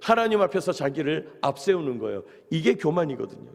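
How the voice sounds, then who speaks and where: A man's voice: a little high, very animated, brisk, creaky, in a large hall. A male pastor preaching an earnest early-morning sermon, often turning to address the congregation directly. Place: church sanctuary.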